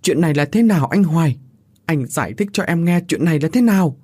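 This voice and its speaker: A man's voice: a little high, animated, fast, a little mellow, breathy edge, pitched above the performer's own voice. A man voicing a terrified young woman held captive, crying out in panicked, tearful cries.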